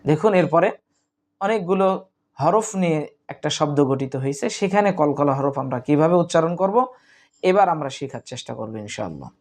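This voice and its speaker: A man teaching Quran reading, spelling out letters and repeating each syllable slowly in a calm, instructive way. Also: a little high. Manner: calm instructive tone, addresses students as dear friends. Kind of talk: slow recitation lesson.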